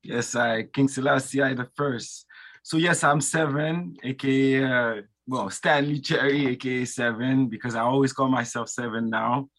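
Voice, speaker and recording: A man's voice: medium pitch, fairly even intonation, normal speed, a bit bright, no echo. A man from Canada speaking in a Rastafarian style as a guest in a radio interview. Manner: Rastafarian-style speech with blessed greetings. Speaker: radio show guest, online university founder.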